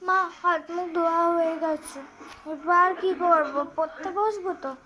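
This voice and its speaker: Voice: very high-pitched, monotone, fast talker, fairly bright tone, a little hiss or hum. A child playing an eager little schoolgirl. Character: obedient young schoolgirl daughter. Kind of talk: pretend-play role-play. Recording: clear background music.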